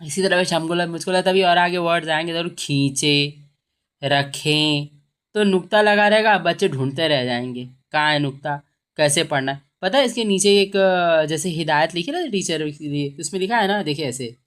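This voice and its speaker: A woman's voice: low voice, normal speed. A woman teacher explaining a textbook reading lesson, patiently repeating and sounding out words. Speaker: Urdu teacher.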